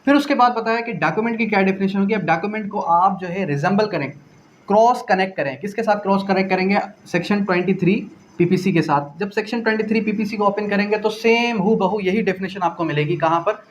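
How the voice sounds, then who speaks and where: In a slightly high voice and at a quick pace, a Pakistani law lecturer works through exam-prep material point by point, often repeating a phrase and raising a question before answering it himself. He mixes English legal terms into his didactic explanation, and the dull audio carries faint background noise.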